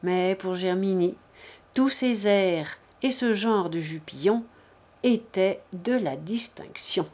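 A woman reads a classic novel aloud as an audiobook narrator. Her delivery is slow and unhurried, measured and deliberate, at an ordinary middle pitch for a woman. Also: darkish tone. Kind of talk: scripted literary narration.

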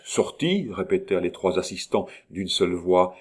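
A man narrating a novel aloud in an even storytelling manner. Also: low voice, normal speed. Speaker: audiobook narrator.

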